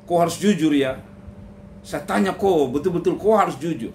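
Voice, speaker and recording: A preacher doing Tinus, a pushy Papuan husband. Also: male voice, a little high, normal speed, darkish tone, a little hiss or hum, lightly acted. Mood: pleading. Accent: Papuan Malay. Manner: insistent, coaxing questions. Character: Papuan husband, short-tempered, curious and pleading.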